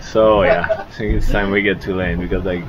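A man's voice: low-pitched, normal speed, lo-fi sound, over a noisy crowd. A man in his thirties with a French accent, talking casually to the camera while sailing at sea. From France. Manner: calm to camera, shouting instructions on deck. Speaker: sailing vlogger. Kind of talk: casual vlog narration and crew calls. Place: open deck of a racing sailboat at sea.

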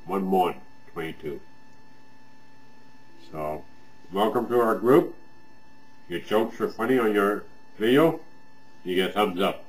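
Man with a pipe clenched in his mouth, lowish voice, rambling friendly video review. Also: slow, long pauses, rough recording. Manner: rambling, friendly, repeats himself. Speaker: vlogger reviewing other channels' videos. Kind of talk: casual weekly review vlog.

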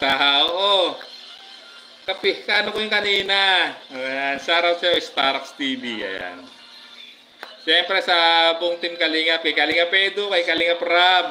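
A man with a Filipino accent, chatting casually on a live stream, giving viewers shoutouts with many fillers. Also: fairly high pitch, poor audio. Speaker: livestream vlogger.

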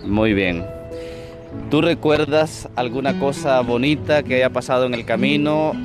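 Young male priest, measured and calm, street interview with music under it. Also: mid-range voice. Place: outdoors on a city street under trees. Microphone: lapel mic.

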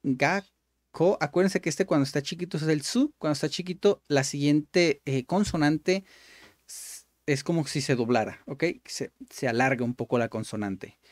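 Male gamer, relaxed tutor-style commentary, repeats and explains words, dry booth sound. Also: a little high, moderate pace, no echo. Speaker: gaming YouTuber. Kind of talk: casual gameplay commentary.

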